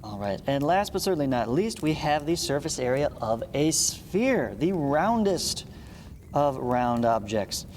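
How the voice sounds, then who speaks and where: Slightly high and a little mellow, this math teacher's voice is sing-song and measured in pace. He reads along with the lesson and stops to explain things in a folksy, informal manner. The recording has room echo and clearly audible background noise.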